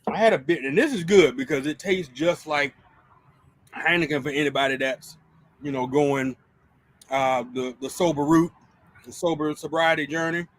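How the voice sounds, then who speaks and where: Laid-back dude cohosting, jokey and rambling, voice sits a bit high. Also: male voice, moderate pace, no echo. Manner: relaxed, joking, rambling. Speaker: podcast co-host. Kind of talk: casual chat.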